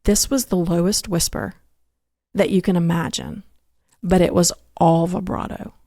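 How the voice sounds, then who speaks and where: A woman guest on a podcast interview, earnestly telling a faith story, halting with restarts and fillers. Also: on the low side, steady tone, creaky, mellow, dry recording, studio quality.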